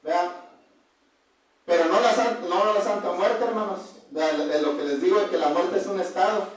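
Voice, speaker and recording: High-voiced preacher in an echoey hall. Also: male voice, normal speed. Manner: conversational preaching, keeps asking the congregation questions and adding "hermanos". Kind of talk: sermon. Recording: very echoey room heard from a distance.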